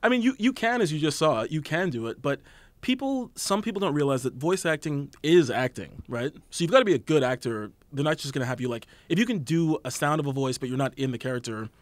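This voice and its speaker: Man, quick-talking, mid-pitched, dry studio sound, animated, switches into character voices to demonstrate. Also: dry recording. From Canada. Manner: fast, animated, demonstrates voices while explaining. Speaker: actor and voice actor guest. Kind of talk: casual studio interview.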